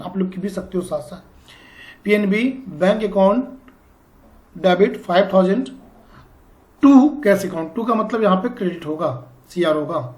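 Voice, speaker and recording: A male accounting teacher giving a classroom lecture, explaining slowly and checking often that students follow. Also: high-pitched, reverberant.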